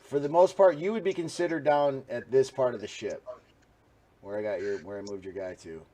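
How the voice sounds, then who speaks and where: A man's voice: medium pitch, brisk. A man narrating as dungeon master in a tabletop game, easygoing and full of fillers. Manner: relaxed, filler-heavy narration.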